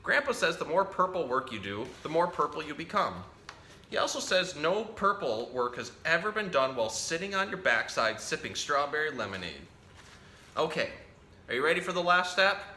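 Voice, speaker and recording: With a fairly high voice and moderate pace, a man running a kids' storytime reads a picture book expressively and playfully, speaking to young listeners and chatting with his pet parrot. The sound is roomy and echoey, with faint noise in the background.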